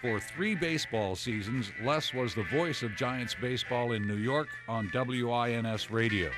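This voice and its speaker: A man's voice: medium pitch, moderate pace. Male reporter narrating over music. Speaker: news reporter. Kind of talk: news feature narration.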